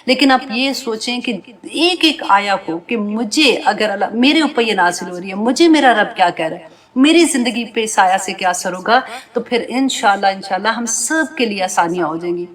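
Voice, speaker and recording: A woman's voice: mid-range voice, lively intonation, a bit bright. A woman with a mid-range voice teaches a scripture class. She moves through verses phrase by phrase, translating each one before explaining it with earnest, direct appeals to her students. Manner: addresses listeners directly, often adding tag questions. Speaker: Quran teacher. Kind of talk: Quran commentary lesson to a class.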